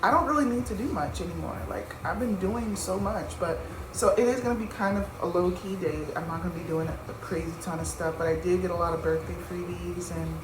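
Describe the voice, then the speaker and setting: A woman's voice: on the low side, fairly quick, few pauses. Chatty woman vlogging in an echoey room. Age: 30s. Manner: chatty, rambling with fillers like "like" and "you know". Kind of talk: casual vlog chat. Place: home room, getting ready. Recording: echoey room with clear background noise.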